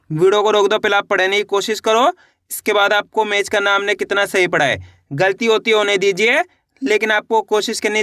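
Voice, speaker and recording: A Hindi reading teacher with a high, bright, forceful voice gives a slow lesson for beginners, sounding out each word syllable by syllable before saying it whole. Patient and repetitive, he keeps asking "how will you read it?" The studio sound is clean with no echo.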